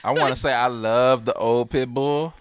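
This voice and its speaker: A man's voice: mid-range voice, steady tone, moderate pace. Playful laughing man, chatter behind. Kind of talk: casual podcast chat.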